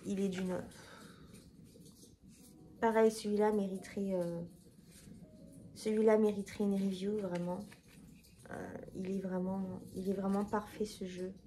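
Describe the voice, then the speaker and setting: A woman talks casually to her viewers in a mellow, warm voice, rambling and correcting herself as she goes. A faint background hiss sits under her speech. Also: mid-range voice. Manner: chatty, rambling, many fillers and self-corrections. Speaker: tarot video creator. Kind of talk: casual talk to camera.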